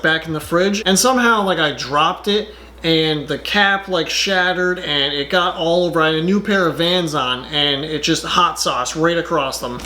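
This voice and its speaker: A man's voice: a little high, bright, forceful tone. A man doing casual reaction commentary on his channel, rambling and exasperated, with lots of filler words. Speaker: YouTuber.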